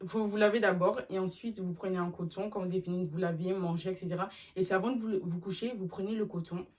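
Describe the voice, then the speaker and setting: A young woman chatting casually in a vlog, animated and slangy as she talks to her viewers. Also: fairly low pitch, fast talker, distant mic. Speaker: vlogger. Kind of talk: casual haul video chat.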